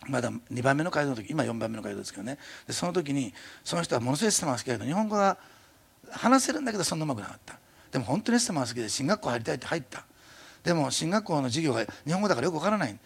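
Fast-talking Japanese pastor, gravelly and husky. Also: male voice, on the high side. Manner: fast-talking, animated storytelling. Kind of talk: sermon.

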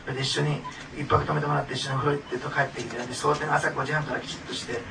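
A pastor with a fairly high voice preaches rapid-fire and barely varies his pitch. He keeps the sermon conversational, laughing often and putting questions to the congregation. The mic is distant, and background noise is clearly audible.

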